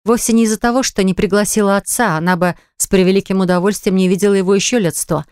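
A woman reading an audiobook in measured scripted narration on a close studio mic. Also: medium pitch, fairly even intonation, a little mellow, clean tone, no room sound.

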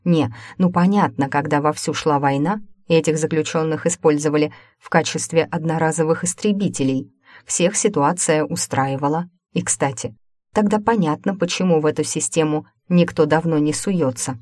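A woman's voice: deep voice, moderate pace, a little mellow, no room sound, clean studio sound. A woman narrating a first-person story as a scripted audiobook, in a conversational way with wry asides.

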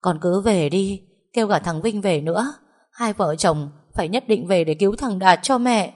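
A woman voicing a doting, quick-tempered older village mother who cries, pleads and scolds. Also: medium pitch, a little mellow, close to an everyday voice. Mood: wailing.

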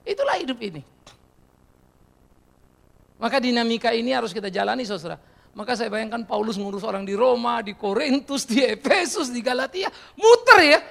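Middle-aged pastor guy preaching, really high voice, gravelly, big echoey church hall. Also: a little fast, pauses often. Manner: animated, swings between loud and soft; folksy, mixes in English phrases. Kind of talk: sermon.

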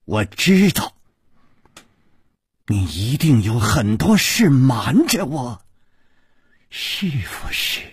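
A man voicing a brooding, jealous woman who speaks in a low, hushed whisper. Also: very animated, very slow, long pauses, husky, no echo, studio quality, full character voice. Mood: tense.

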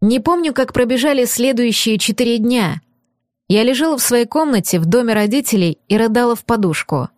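A woman narrating a first-person audiobook in a measured, emotive reading. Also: fairly high pitch, expressive, no echo, studio quality.

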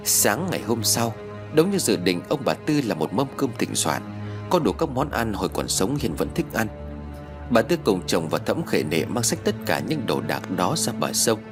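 A man narrating a ghost story in an expressive, scripted storytelling style. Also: lowish voice, moderate pace, over music. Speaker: audiobook narrator.

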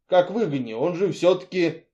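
Weary placating man, mellow, coaxing, read by the narrator. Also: high-pitched, lively intonation, normal speed, dull audio. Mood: flustered. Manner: muttering, exasperated, coaxing.

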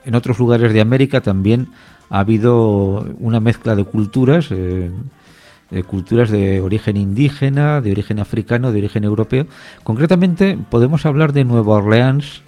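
Man, host of a community radio show, mid-pitched and warm, thoughtful pauses. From Spain. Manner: measured, with frequent hesitant pauses. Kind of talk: explanatory radio talk.

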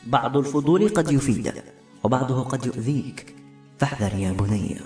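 A man's voice: medium pitch, lively intonation, a little fast, dark tone, natural voice. A man voicing a stern, caring father. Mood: admonishing. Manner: firm, admonishing. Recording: echoey room, faint music.

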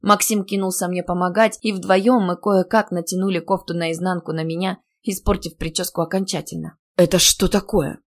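Expressive female audiobook narrator. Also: fairly low pitch, a little fast, few pauses. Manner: lively, expressive storytelling. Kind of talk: first-person audiobook narration.

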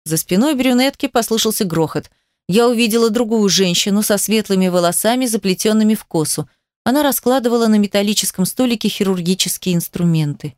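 A woman's voice: medium pitch, brisk, a little mellow, no room sound, clean studio sound. A woman reading a first-person story aloud in an emotive, dramatic audiobook style. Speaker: narrator. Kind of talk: scripted audiobook narration.

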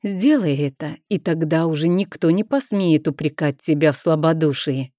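A woman's voice: sits low, normal speed, mellow, dry recording, clean studio sound, lightly acted. A woman voicing an anxious mother, a queen, speaking firmly and impatiently. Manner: firm, impatient. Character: anxious mother, a queen, firm with the quarrelling men.

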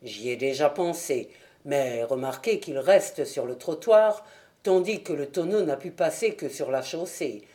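A woman voicing a calm, shrewd male detective in a French audiobook. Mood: grave. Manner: measured and low.

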